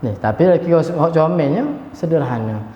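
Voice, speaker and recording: A man's voice: on the high side, lively intonation, a little fast, a little hiss or hum. A man with a Kelantanese Malay accent teaching a Quran class in a chatty way and chanting short passages to show how they are recited. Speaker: religious teacher. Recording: echoey hall, dull lo-fi sound.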